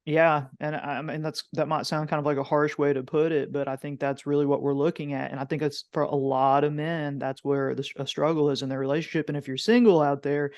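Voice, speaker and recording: A man's voice: a little high, little pitch movement, a little fast, few pauses, a little mellow, no room sound, highs cut off. Earnest man hosting a podcast. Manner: earnest, thoughtful questioning. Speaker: podcast host. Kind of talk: conversational interview.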